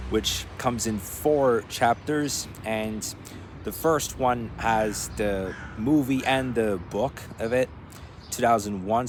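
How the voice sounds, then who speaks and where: Unhurried low-voiced man chatting. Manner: rambling, narrating what is in front of the camera. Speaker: vlogger. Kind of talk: casual video diary chat. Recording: faint background ambient noise.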